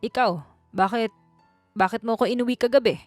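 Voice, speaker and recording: A woman's voice: a little high, normal speed, no room sound, soft background music, close to an everyday voice. A woman voicing a hungover, grumpy rich young man who speaks curtly and coldly in a storybook reading. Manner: curt, cold and commanding.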